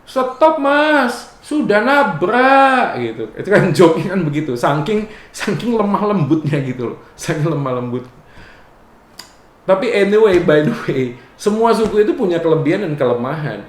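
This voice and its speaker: A man with a high voice preaches a relaxed Bible exposition and drops little jokes along the way. He keeps tagging his phrases with a casual "ya", and a roomy echo hangs around his words. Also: a little fast. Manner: casual and joking, often adds "ya". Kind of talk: conversational Bible exposition sermon.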